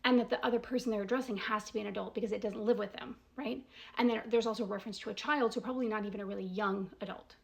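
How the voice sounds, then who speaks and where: Talking very fast in a mid-range, gravelly voice, this woman keeps her tone steady as she dissects a voicemail like a casual commentator. Her reasoning moves point by point with emphasis, full of pointed rhetorical questions and frequent "right?" check-ins.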